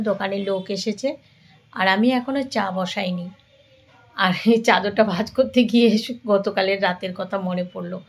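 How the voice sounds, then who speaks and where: A woman's voice: mid-range voice, noisy background. A middle-aged woman chatting casually to her viewers in a home vlog, addressing them as family and friends. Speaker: vlogger. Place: home, indoors and on a balcony.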